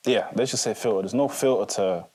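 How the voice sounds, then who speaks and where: A man's voice: on the low side, fairly quick, a little mellow. A man in his twenties, co-hosting a casual discussion and thinking aloud in a reflective, rambling way. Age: 20s. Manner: reflective, rambling with many fillers. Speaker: podcast co-host.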